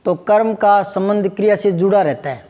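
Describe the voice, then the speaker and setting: High-voiced male teacher in a reverberant space. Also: moderate pace, dark tone. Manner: patient, repeats examples and asks the class questions. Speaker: Hindi grammar teacher. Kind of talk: classroom lesson.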